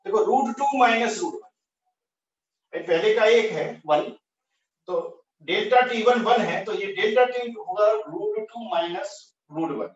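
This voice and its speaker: A man teaching a physics lesson, working through steps at a board, thinking aloud, correcting himself and checking with the class. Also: high voice. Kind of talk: explaining at a whiteboard. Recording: echoey, distant, dull lo-fi room sound.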